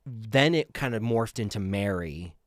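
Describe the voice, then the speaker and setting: Male guest, low voice, stop-start delivery, dry recording. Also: lively intonation, no echo. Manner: halting, many restarts and fillers. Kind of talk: casual conversational interview.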